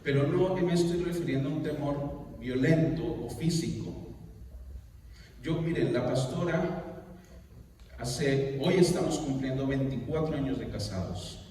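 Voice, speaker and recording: A man's voice: mid-range voice, a little slow, mellow, slight background noise. A man in his forties, a pastor, telling a personal story in a sermon, acting out the voices he quotes. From Colombia. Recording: echoey hall, from far off.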